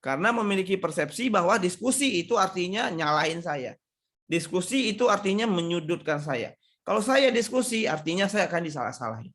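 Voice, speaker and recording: During a relaxed live online seminar on marriage, a man from Sumatra answers audience questions in a voice a little high for a man. He talks conversationally and a little fast, often closing his points with tag questions.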